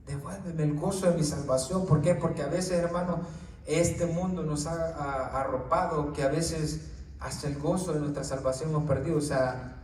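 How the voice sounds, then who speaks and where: A man's voice: a little high, fairly even intonation, normal speed, a little mellow, a little hiss or hum. A male preacher giving an informal Bible teaching to a small group, often tagging his lines with "right?" and "brother" and stumbling over words. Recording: echoey room, distant mic.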